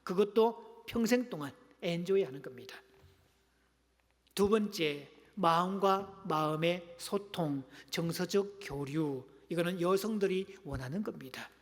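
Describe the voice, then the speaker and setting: High-voiced man preaching in a reverberant hall. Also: a little slow. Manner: humorous, engaging, calls on the congregation. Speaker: pastor. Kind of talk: sermon. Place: church sanctuary. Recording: long reverb of a church hall.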